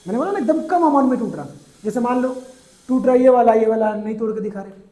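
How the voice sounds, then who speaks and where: A man teaching chemistry in a classroom lecture, asking students questions and answering them himself, calling them "beta," and drawing out English terms slowly. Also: very high-pitched, expressive, warm tone, echoey room. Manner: mixes English terms into his talk, drawn out slowly.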